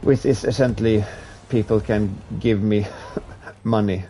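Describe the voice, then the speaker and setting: This low-quality recording, with a little hiss or hum, captures a young Swedish man with a lowish voice talking a little slowly in his Swedish accent. He chats casually with viewers while live-gaming a racing title, relaxed and rambling, with restarts along the way.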